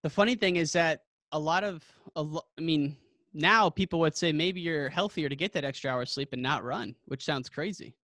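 A male podcast host with a fairly high voice for a man, recorded close and dry with no room sound. He is friendly and admiring, and his questions wander before they land. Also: normal speed, fairly bright tone, dry recording. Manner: friendly, admiring, asks long rambling questions. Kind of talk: casual interview questions.

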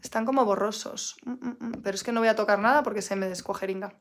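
A woman from Canada teaching English in a live online lesson, chatty and lively, repeating words for her learners. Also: mid-range voice, fast talker, reverberant.

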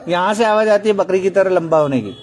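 A man's voice: high voice, quick pace, crowd noise. A man with a Gujarati accent teaching young children to write letters, patient and playfully teasing them, in a classroom. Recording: noisy classroom full of children.

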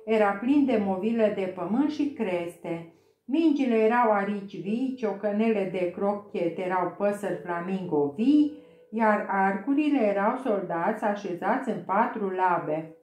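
A woman reading a children's storybook aloud at a steady, measured pace. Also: medium pitch, echoey room. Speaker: audiobook reader. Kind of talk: storybook narration.

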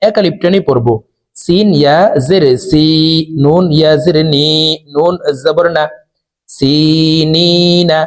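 A man's voice: a little high, darkish tone. A man teaching Quran recitation step by step, spelling out each letter patiently and drawing out the long vowels.

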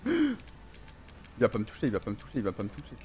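A man's voice: lowish voice, racing, music in the background. A man streaming a horror game, commenting live, swearing often and talking back to the enemy on screen. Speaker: gaming streamer.

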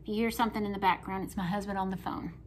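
Racing along in a steady, medium-pitched voice, a middle-aged Southern US woman chats folksily through her painting tutorial. This craft painting host works at her home kitchen table, and a little hiss or hum can be heard.

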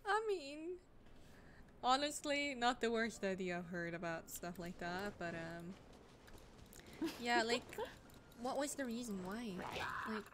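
A woman's voice: on the high side, animated, slow, pauses often, a bit bright. A young woman streaming a game, chatting casually with lots of fillers and blunt swearing. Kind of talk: casual chat while gaming. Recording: noisy home stream mic.

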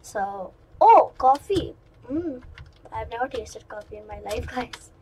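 High-voiced chatty female gamer. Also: a little slow, a little hiss or hum, low-quality recording. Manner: chatty and excitable, rambling asides to viewers. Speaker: gaming channel host. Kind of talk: let's-play commentary.

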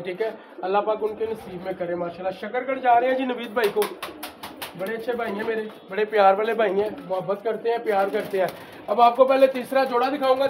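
A man from Pakistan who breeds and sells pigeons, talking loudly and emphatically as he shows birds to his viewers, repeating the same stock phrases. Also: very high-pitched. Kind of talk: casual handheld show-and-tell. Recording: faint background noise with pigeons.

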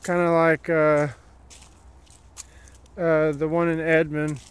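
A plainspoken man chats as he walks a wooded trail, filming on a handheld phone. His voice sits a bit high and stays level, with a clear, smooth tone. He rambles casually from one thought to the next. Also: flat delivery, takes it slowly. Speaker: vlogger. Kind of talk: casual walking commentary. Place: wooded dirt trail outdoors. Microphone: handheld phone camera while walking.

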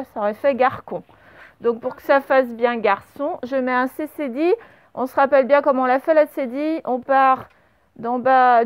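A woman teaching young children a spelling and dictation lesson, speaking slowly and patiently and spelling words out letter by letter. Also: high voice. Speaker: primary school teacher. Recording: slightly dull, lo-fi home recording.

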